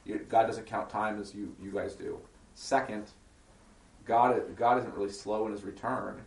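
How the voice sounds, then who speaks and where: A man's voice: fairly low pitch, steady tone, a little slow, creaky. A man teaching an informal Bible study to a small group, reading scripture aloud and explaining it in casual asides and questions to the group. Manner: asks the group check-in questions. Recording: echoey room, voice far from the mic.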